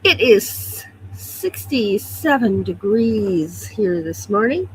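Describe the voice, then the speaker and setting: Taking things slowly, a woman with a medium-pitched, lively voice hosts a casual morning stream from her home computer. She reads comments and says hello to viewers one by one, sounding a little stuffy. The audio is poor, with slight background noise.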